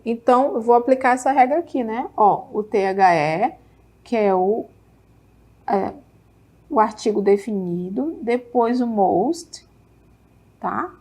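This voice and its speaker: Encouraging Brazilian woman teaching English. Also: fairly high pitch. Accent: Brazilian Portuguese. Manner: lively and encouraging, checks in with "tá?" and "ok?"; says English words slowly and clearly for students to follow. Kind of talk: televised classroom lesson.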